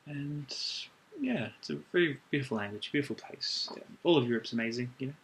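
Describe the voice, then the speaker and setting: A man doing an ASMR role-play as a librarian, chatting gently and recommending things in an unhurried way. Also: medium pitch, expressive, poor audio. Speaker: ASMR performer playing a librarian.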